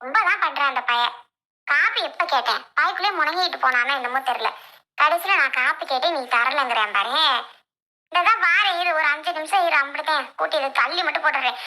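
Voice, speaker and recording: A woman doing a grumbling older mother, gravelly. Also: high-pitched, pushed and bright, exaggerated voice. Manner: quick muttering complaints. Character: busy grumbling older mother, sweeping the yard.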